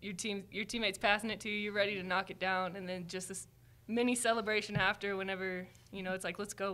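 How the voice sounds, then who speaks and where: A woman's voice: mid-range voice, sharp tone. A young adult woman, a college basketball player, answering questions after a game in a casual, upbeat way. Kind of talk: post-game press conference answers. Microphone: table mic in front.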